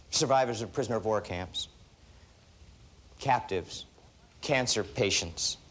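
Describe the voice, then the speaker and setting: A man giving a seminar talk and telling stories in an animated, self-deprecating way. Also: medium pitch. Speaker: motivational speaker.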